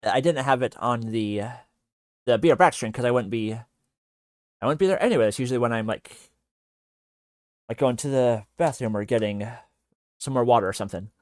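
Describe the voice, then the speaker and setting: A male streamer chatting casually on a livestream while working on 3D art, speaking haltingly with many fillers and half-finished sentences. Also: mid-range voice, no room sound, clean studio sound.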